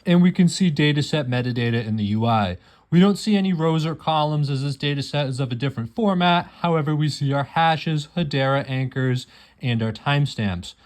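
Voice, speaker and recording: Higher-pitched man narrating a software demo. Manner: matter-of-fact, step-by-step explaining. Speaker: presenter demonstrating software.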